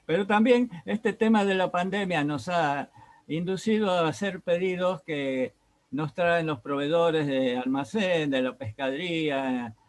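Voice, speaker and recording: A woman's voice: sits low, a little slow. A woman co-hosting a dialogue series, talking casually with short, affirming replies. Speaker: co-host, moderator. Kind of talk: casual conversation.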